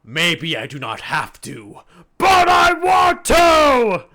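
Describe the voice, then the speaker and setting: Big dopey sweet himbo for a tabletop game, super loud n earnest, voice jumps high. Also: male voice, huge pitch swings, takes it slowly, a little hiss or hum, exaggerated voice. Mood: jubilant.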